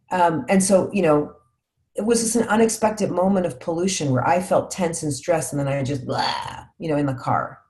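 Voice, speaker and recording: A woman with a low-pitched voice leads a parenting workshop. She teaches in a reflective, conversational way and keeps checking in with "right?". She walks her listeners through guiding questions. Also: a little mellow. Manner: reflective, tags points with "right?". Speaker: parenting coach leading a workshop.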